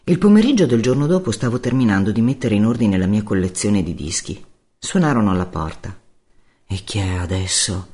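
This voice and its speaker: A man's voice: on the low side, animated, a little fast, darkish tone. A man narrating a first-person novel as an audiobook, in a wry, laconic storytelling manner.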